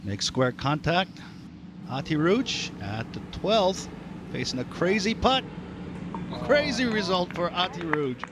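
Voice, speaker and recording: A man's voice: high voice, sing-song, slow pace. A man giving golf commentary as a commentator. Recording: clear outdoor background noise.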